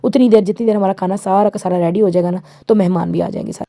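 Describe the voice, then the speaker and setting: Chatty mom doing a cooking vlog voiceover, warm mellow voice, rambles on. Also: female voice, medium pitch, fairly even intonation, rapid-fire. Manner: chatty, rambling, sprinkles in English words. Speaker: home cooking vlogger and mother. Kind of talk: casual cooking vlog voice-over.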